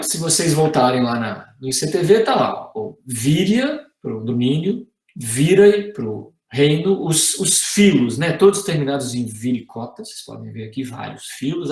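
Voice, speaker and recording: Guest-lecturing at a university, a middle-aged Brazilian Portuguese-accented man explains things one step at a time, frequently tagging "né?" or "tá?" onto his sentences. His pitch is fairly high, and the room sounds echoey.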